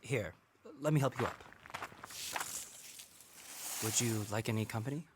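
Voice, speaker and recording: A man's voice: medium pitch, measured pace, natural voice. Man playing a wry castaway, period drama, noisy. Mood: concerned, insistent. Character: wry, protective male castaway, handy with bow and knife. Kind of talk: stagey period drama acting.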